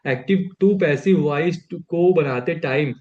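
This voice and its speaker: A man's voice: fairly high pitch, measured pace. Guy teaching grammar online, keeps asking the class questions, kinda muffled lo-fi audio. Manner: explains by repeated questions. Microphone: webcam or built-in mic. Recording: lo-fi dull sound.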